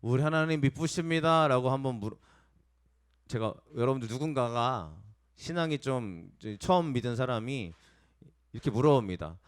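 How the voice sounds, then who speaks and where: A man's voice: medium pitch, lively intonation, normal speed, smooth. A male pastor preaching a sermon to his congregation in a conversational manner, with a mid-range voice. He often asks his listeners for agreement. He also acts out prayers and everyday remarks as if speaking them himself.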